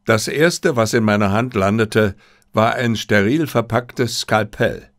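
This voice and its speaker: A man's voice: lowish voice, unhurried, no echo, clean studio sound. A man reading an audiobook as a first-person narrator, telling the story expressively. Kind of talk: scripted narration.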